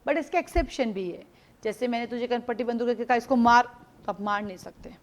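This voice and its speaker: A woman teaching a live law class, explaining through lively everyday stories, mixing Hindi with English legal terms and repeating key points for students to note. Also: a little high, quick pace. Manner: animated storytelling with everyday examples.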